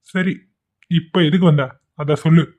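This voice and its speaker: A man's voice: a little high, fairly even intonation, a little slow, dark tone, natural voice. A man voicing a blunt, defiant young husband who talks curtly and scornfully in a cartoon. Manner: curt, scornful. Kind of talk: amateur cartoon voice acting. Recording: tinny phone-like lo-fi audio.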